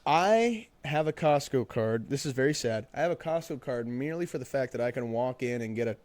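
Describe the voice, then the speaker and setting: A man's voice: medium pitch, animated, a little fast, a little mellow, dry recording. A young man co-hosting a podcast in casual chat, rambling with lots of fillers and swearing. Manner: rambling, profane, full of fillers. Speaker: podcast co-host.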